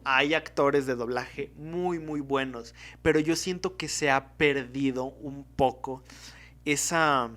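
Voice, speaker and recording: Rambling Mexican podcast host, slightly high voice. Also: male voice, fairly bright tone. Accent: Mexican Spanish. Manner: rambling, stops to correct himself and backtrack. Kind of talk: casual solo podcast commentary.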